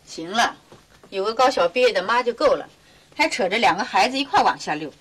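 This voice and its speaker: A stern, lecturing elder sister. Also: female voice, mid-range voice, animated, a little fast, a bit bright, husky. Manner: firm, lecturing, decisive. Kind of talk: 1990s TV drama acting.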